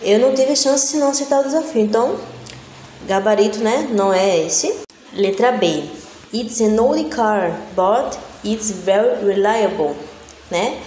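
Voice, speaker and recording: A young woman from Brazil teaching an exam-prep English lesson, explaining step by step and ending phrase after phrase with a quick "né?". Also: mid-range voice, lively intonation, warm tone. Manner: explains step by step, tags nearly every phrase with "né?". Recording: echoey room with faint background noise.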